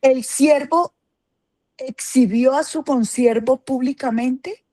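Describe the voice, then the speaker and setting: A woman's voice: high voice, slow, warm tone, dry recording. A woman teaching a Bible class, asking her listeners questions and repeating key phrases for emphasis.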